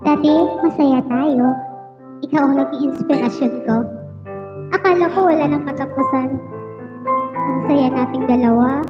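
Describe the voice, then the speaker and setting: A woman's voice: sits high, normal speed, long pauses. A woman livestream host dramatically reading heartbreak letters aloud, teasing her partner between them. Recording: roomy, dull, with music behind.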